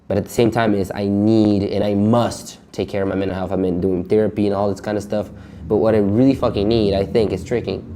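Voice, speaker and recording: A young man in his 20s vents in a candid personal monologue, swearing heavily and speaking frankly between nervous laughs. His voice is lowish and mellow.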